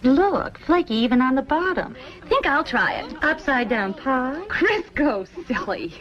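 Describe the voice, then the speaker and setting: A woman's voice: high-pitched, animated, measured pace, a bit bright. A woman playing an admiring, easily impressed homemaker, chirpy and exclaiming, in TV commercial dialogue. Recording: dull old TV ad, chattering crowd.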